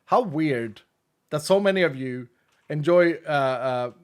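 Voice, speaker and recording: On the high side but clear and resonant, this man speaks in an unhurried way. He comes from Sweden, speaks Swedish natively with a Swedish accent, and casually chats with stream viewers while gaming, laughing often at his own expense and letting sentences trail off.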